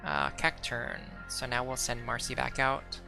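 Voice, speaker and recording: Faint music plays under a young man's unhurried, creaky, mid-range voice with little pitch movement as he casually comments on a game he's streaming. His talk rambles with many "like" fillers and restarts, he self-corrects, and he has the hiccups.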